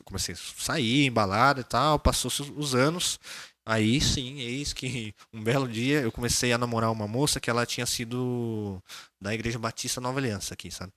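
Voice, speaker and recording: A man with a Brazilian Portuguese accent, a podcast guest telling a personal story in a casual, animated way. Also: medium pitch, moderate pace.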